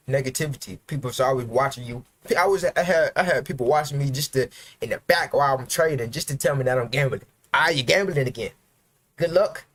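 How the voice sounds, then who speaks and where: Hosting a livestream, a man with a mid-range voice launches into a blunt, profane motivational rant about investing in himself and working for himself.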